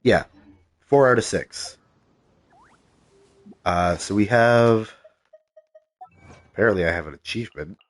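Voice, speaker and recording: Talking slowly and pausing often, a man with a voice on the low side streams a video game live. He has a stuffed-up cold voice, speaks softly and casually with many ums, and reads out the game's menus.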